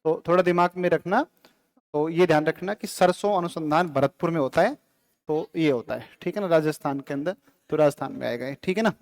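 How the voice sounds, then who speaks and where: A male teacher giving a live classroom lecture, firing quick questions at students and joking with the class. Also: fairly high pitch.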